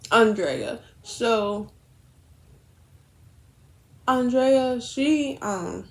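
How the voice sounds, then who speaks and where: A woman's voice: on the high side, drawn-out words. A young woman vlogger chatting casually as she does her makeup, telling a long story full of fillers, quoted back-and-forth and blunt swearing. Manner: rambling, frequent fillers and quoted dialogue.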